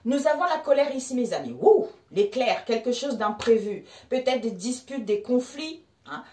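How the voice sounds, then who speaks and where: Une femme à l'africain francophone qui fait un tirage de tarot en direct, bavarde et animée, s'adressant à ses amis spectateurs. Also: female voice, fairly high pitch, moderate pace, echoey room, far from the mic, a little hiss or hum. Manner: animated, laughs often, addresses viewers as friends. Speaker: tarot card reader. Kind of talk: live tarot reading chat.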